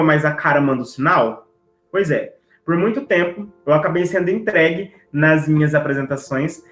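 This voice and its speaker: Brisk, lively man teaching public speaking. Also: fairly high pitch, echoey room, rough recording. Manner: lively, talks straight to the audience with tags like "tá?" and "né?"; brisk, speeding up on purpose to fit the content in. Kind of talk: online lecture on public speaking. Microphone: video call setup.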